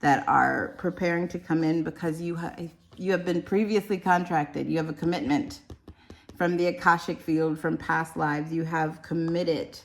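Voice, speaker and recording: A woman's voice: deep voice, steady tone, normal speed, gravelly, roomy sound. A woman giving a casual, rambling spiritual card reading, chatty and enthusiastic. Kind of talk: casual tarot-style reading.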